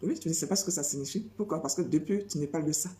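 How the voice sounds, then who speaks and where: Insistent woman preacher, low mellow voice. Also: fast talker. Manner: insistent, repeats phrases and fires rhetorical questions. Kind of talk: sermon.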